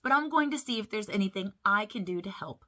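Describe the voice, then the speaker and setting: A woman's voice: medium pitch, expressive, fast, pushed and bright. A woman voicing a big, kind male monster in a storybook reading, in an easygoing, cheerful way. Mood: friendly.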